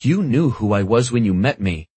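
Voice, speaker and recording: A man's voice: mid-range voice, expressive, moderate pace, mellow, breathy edge, no room sound. A man voicing a stubborn young gamer who grumbles and jokes dryly. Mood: grumbling. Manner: dry, grumbling.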